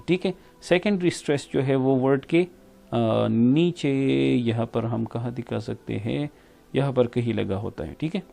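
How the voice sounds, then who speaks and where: A Pakistani man teaching an English lesson in a gravelly, middle-pitched voice. He reads each sentence out slowly, then explains it quickly and keeps saying "theek hai" to check in. Faint music plays quietly under his voice.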